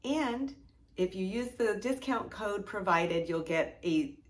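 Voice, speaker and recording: A middle-aged woman hosts a cooking video, walking through a recipe demonstration with friendly, chatty step-by-step instructions. She speaks slowly in a mid-range voice with lively intonation.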